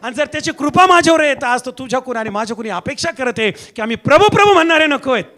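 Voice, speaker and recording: A pastor, a man with a strikingly high voice, delivers an impassioned sermon. His calls come in rhythmic repeated phrases, dropping to near hushes and rising to shouts, with a sharp, bright edge to his tone. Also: expressive, fast talker. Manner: impassioned preaching, swinging between hushed and shouted lines.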